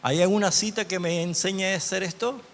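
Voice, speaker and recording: A man's voice: high voice, fairly even intonation, a little fast, vocal fry. A man teaching a Bible class as a pastor, often asking his listeners questions. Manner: asks the audience rhetorical questions. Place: church hall. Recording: long hall reverb.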